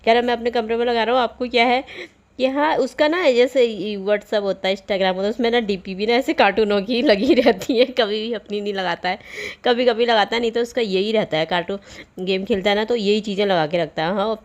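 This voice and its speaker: A woman's voice: medium pitch, fairly quick, hardly any pauses, muffled recording. A middle-aged woman talking through her morning chores in a chatty, rambling home vlog, often laughing as she speaks. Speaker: vlogger. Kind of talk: casual daily-life vlog narration.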